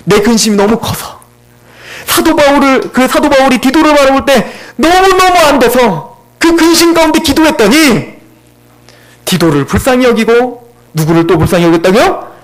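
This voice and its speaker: A man's voice: very high-pitched, expressive, normal speed. A male pastor preaching a sermon in church with emotion, often asking the congregation questions.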